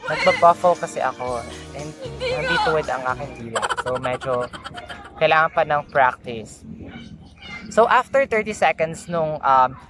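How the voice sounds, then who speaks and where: A young adult tourism student with a Filipino accent practices flight attendant announcements and chats as an amateur vlogger, reading carefully and formally but stumbling and retaking lines. The mid-range voice sits over background noise, with music and an occasionally barking dog.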